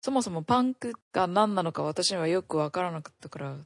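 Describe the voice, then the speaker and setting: A woman joining a casual film podcast, giving short, soft reactions. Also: fairly low pitch, expressive, a little fast, no echo, clean studio sound.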